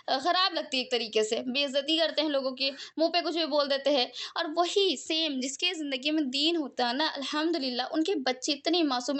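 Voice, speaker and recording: A woman's voice: high-pitched, a bit bright. A young woman giving an earnest, conversational religious talk, full of fillers and tag questions. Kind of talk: informal religious talk to listeners.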